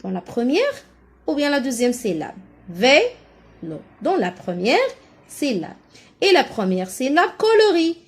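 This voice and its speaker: A woman with a Moroccan French accent teaches first-grade phonics, drawing out each syllable slowly and cheering her pupils on. She's a primary school teacher whose voice sits high and is very animated, with a darkish tone.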